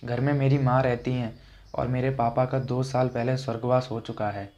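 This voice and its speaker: Male narrator, first-person horror account, monotone delivery, dull lo-fi sound. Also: mid-range voice, moderate pace.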